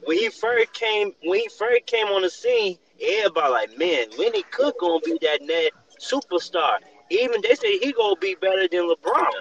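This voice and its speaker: A man's voice: high voice, sing-song, moderate pace, hardly any pauses, fairly bright tone, highs cut off. A man in casual chat, telling a long, rambling basketball story with many fillers.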